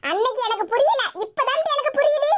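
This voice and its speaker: A woman's voice: extremely high pitch, noisy background. A woman voicing a cranky, boastful old mother with back pain in a cartoon, speaking with a Tirunelveli Tamil accent. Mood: indignant. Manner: scolding, boastful, quick to take offense.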